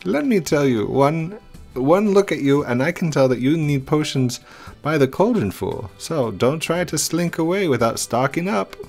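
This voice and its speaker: A man's voice: fairly high pitch, lively intonation, moderate pace, creaky, darkish tone, faint music behind, voice pushed up. A man voicing a brash, gushing woman who keeps a potion shop in a video game. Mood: brash, flattering. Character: pushy, flattering woman potion shopkeeper.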